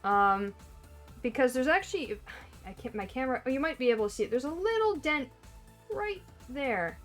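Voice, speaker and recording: Excitable woman gushing over an unboxing. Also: sits high, moderate pace, soft background music. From Canada. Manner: excitable, gushing, laughs often, trails off and restarts. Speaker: card collecting vlogger. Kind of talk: off-camera unboxing commentary.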